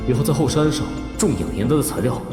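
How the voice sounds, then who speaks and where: An actor playing a calm, self-assured young village doctor hero. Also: male voice, medium pitch, fast talker, over music, lightly acted.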